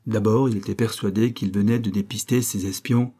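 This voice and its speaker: A man narrating a novel as an audiobook in measured, scripted storytelling. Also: lowish voice, steady tone, dark tone.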